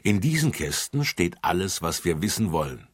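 A man's voice: sits low, big pitch swings, normal speed, slightly rough, no room sound, clean studio sound, full character voice. A man playing a patient, friendly police sergeant. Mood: explaining. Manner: patient, explaining.

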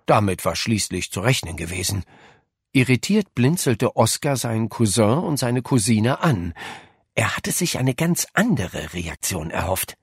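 Lively low-voiced man narrating a story. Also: unhurried, breathy edge, dry recording, clean studio sound. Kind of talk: audiobook narration.

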